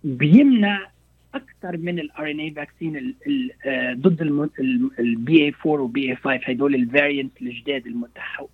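A man with a Lebanese Arabic accent speaks quickly in a husky, slightly high voice. He explains like a doctor on the radio, repeating himself and mixing in English terms. The sound is thin and phone-like. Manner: halting, repeats words, mixes in English terms. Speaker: doctor interviewed as guest.

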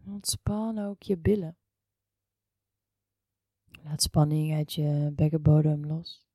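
A woman guiding a relaxation meditation in a soft, hushed, near-whispered voice, soothing and unhurried, with long pauses. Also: on the low side, gravelly, dry recording, clean studio sound. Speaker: yoga and meditation guide.

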